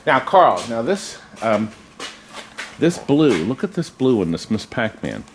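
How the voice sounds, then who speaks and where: A man's voice: mid-range voice, big pitch swings, measured pace, a little hiss or hum. A man hosting a casual walk-through tour video, chatty and rambling with jokey asides. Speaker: host giving a video tour of his arcade business. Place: indoors in an arcade game warehouse.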